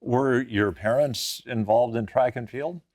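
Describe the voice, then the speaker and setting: A man's voice: medium pitch, a little slow, darkish tone. A man hosting a television sports program, delivering scripted recaps and asking guests questions. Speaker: host. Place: TV studio set.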